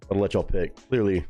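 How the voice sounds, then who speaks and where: A man chatting casually on a live stream, his voice moving in a lively, animated way. He talks loosely and swears freely while answering his chat. Faint music plays behind him. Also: low-pitched, breathy edge.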